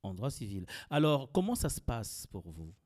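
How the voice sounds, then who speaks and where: A man hosting a community radio interview, putting questions to his guests. He asks with occasional fillers and pauses. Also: medium pitch, very animated, darkish tone.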